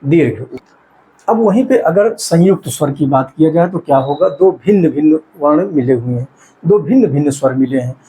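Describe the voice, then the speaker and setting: Guy with a high mellow voice teaching grammar for an exam, keeps asking and then answering his own questions. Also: expressive, normal speed, poor audio. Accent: Hindi-speaking north Indian. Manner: asks questions and answers them himself; stretches out vowel sounds to demonstrate. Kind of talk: exam-prep grammar lesson.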